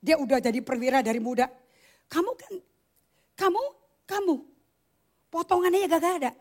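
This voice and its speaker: A woman preacher voicing a scornful old king who mocks a young shepherd, speaking in a lower, dismissive tone. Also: expressive, moderate pace. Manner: dismissive, mocking.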